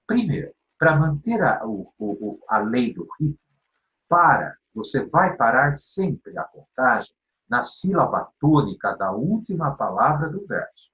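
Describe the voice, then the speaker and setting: Lively Brazilian teacher explaining poetry. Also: male voice, medium pitch, a little slow, muffled recording. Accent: Brazilian Portuguese. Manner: animated, asks and answers his own questions, checks in with "tá bem?"; counts poetic syllables aloud, half-singing the verses. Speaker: literature teacher. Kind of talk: exam-prep literature lesson.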